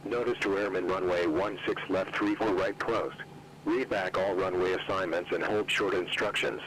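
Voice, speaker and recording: A man's airport weather broadcast plays over a flight simulator radio. His voice sits very low and the delivery stays flat and even through every number and runway. A faint hiss runs underneath. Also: moderate pace, rough recording. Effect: airport weather broadcast heard over the sim radio. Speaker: airport information announcer. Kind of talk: recorded automated airport information broadcast.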